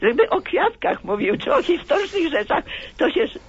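A woman's voice: extremely high pitch, very animated, moderate pace, no room sound. An older woman from Poland calling in to a radio talk show, complaining in an indignant, rambling way. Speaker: caller. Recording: muffled phone line, dry.

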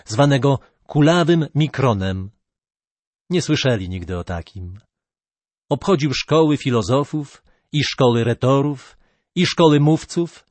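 A man reads an old legend aloud as an audiobook in a slow, measured way. His pitch rises and falls expressively. The recording is dry and close to the mic. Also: a little mellow, no room sound. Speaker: narrator.

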